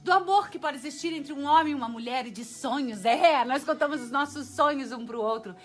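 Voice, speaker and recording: A woman's voice: sits high, brisk, soft background music, close to an everyday voice. An actress playing a woman lost in love. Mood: dreamy. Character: woman in love recalling her lover, then pleading.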